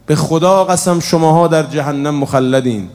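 Preacher doing a fiery devout warrior, raised and shouting, mellow tone in a long-echo hall. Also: male voice, on the high side, pitched above the performer's own voice, natural voice. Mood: defiant. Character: defiant devout male warrior rebuking enemies.

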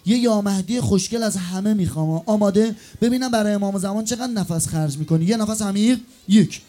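A man's voice: sits high, warm tone. A man acting as cleric at a religious gathering, rousing the crowd with chants, counts and playful banter.

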